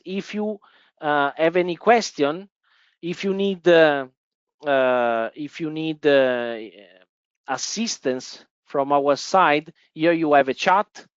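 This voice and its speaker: Broadcasting from an office in Switzerland's Italian region, an Italian-accented man from Italy hosts a live stock-investing webinar. His fairly high voice is smooth, though he leans on fillers and restarts, and the audio is dull with no room sound.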